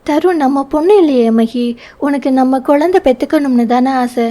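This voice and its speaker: A woman reading the part of an emotional young wife in an audio novel, quick to anger and to tears. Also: high voice, dark tone, natural voice. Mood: tearful. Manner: pleading, sobbing tone. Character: young wife, quick-tempered, tearful and loving.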